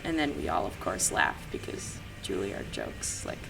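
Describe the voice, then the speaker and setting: A woman's voice: very deep voice, wildly swooping pitch, moderate pace, creaky, noisy background. A woman telling a short story with amusement in a casual tribute. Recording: distant mic, music behind.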